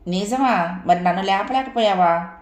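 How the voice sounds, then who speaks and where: A woman's voice: mid-range voice, measured pace, lightly acted. A woman voicing a teasing, chatty young man, a friend in a spoken story, recorded in an echoey room.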